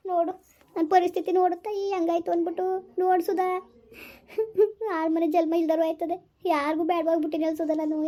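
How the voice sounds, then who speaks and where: A woman's voice: sits high, warm tone, close to an everyday voice. A woman playing an anxious middle-aged village mother, in a village comedy skit. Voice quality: wailing, fretful lament.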